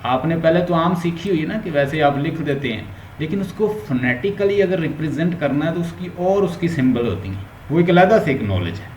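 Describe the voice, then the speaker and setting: A man's voice: fairly high pitch, lively intonation, normal speed, darkish tone. A male linguistics teacher with a Pakistani Urdu accent, giving an online lecture and explaining step by step while mixing English terms into his Urdu. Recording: roomy echo, faint background hum.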